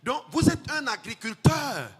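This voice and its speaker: Preacher guy, high and singsongy, gets shouty, big hall echo. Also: sing-song, a little slow, slightly rough. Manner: chanting, sing-song preaching that swells to shouts. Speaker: pastor. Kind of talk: sermon. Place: church hall. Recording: long hall reverb, faint music.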